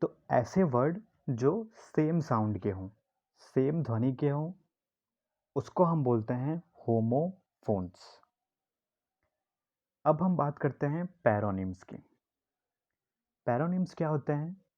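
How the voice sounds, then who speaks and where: A man's voice: mid-range voice, lively intonation, slow pace, pauses often, warm tone, muffled recording. A man teaching vocabulary in a classroom style, asking his own questions and repeating key words to explain them. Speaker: English teacher.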